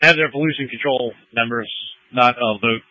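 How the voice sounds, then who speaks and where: Forceful male firefighter on radio. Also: mid-range voice, normal speed, no echo. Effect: two-way radio. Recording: muffled fire department radio.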